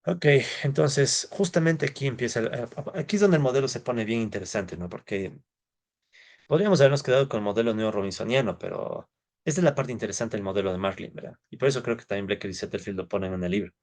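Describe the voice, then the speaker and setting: A man lectures on economics in a loose, chatty way, peppering his points with quick tag questions to his class. His voice has a gravelly, fry-laden edge, and it sits at a middle pitch. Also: animated, a little mellow. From Ecuador. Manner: conversational, tags sentences with "¿no?" and "¿ya?", thinks aloud. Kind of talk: informal lecture.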